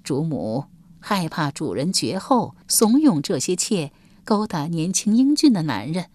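A woman's voice: lowish voice, big pitch swings, a little mellow, no echo. A woman doing a kindly old servant woman. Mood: confiding. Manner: slow, sighing, motherly. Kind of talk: audiobook character voice.

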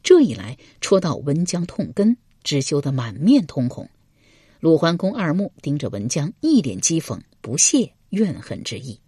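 A woman storyteller reading a historical novel aloud, her voice sitting fairly low. Her narration is dramatic and expressive, her pitch moving a great deal, and the sound is close and dry. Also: normal speed, slightly rough, no echo.

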